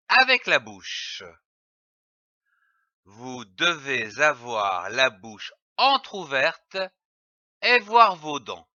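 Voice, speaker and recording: A man teaching children to read, slowly sounding out and spelling each syllable in a clear, deliberate way. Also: fairly high pitch, sharp tone, dry recording. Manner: slow, over-articulated, spells out syllables. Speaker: reading teacher. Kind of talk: reading lesson for parents and young children. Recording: dull lo-fi dry sound.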